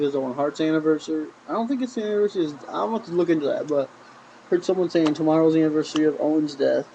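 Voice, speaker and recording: Male reviewer, mellow gravelly voice, casual rambling delivery. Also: on the high side, a little hiss or hum, rough recording. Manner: rambling, with frequent "I mean" and restarts. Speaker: wrestling show reviewer.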